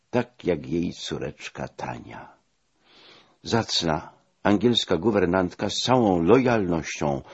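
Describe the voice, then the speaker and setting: A deep-voiced man with a very husky, rough tone reads a first-person memoir, his pitch rising and falling in a lively way. The sound is dull and lo-fi, as in an old audiobook transfer. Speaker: audiobook reader.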